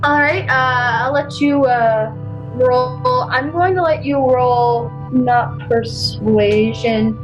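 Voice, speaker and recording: Lady running a d&d game, slow descriptive narration, bit of music going behind. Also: high voice, highs cut off. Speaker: game master.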